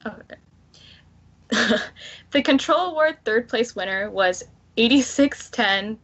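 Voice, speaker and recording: A woman's voice: a little high, lively intonation, slow pace, fairly bright tone. A woman on a panel reading out award winners, hesitant over names and giggly. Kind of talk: reading results aloud. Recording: dull lo-fi sound.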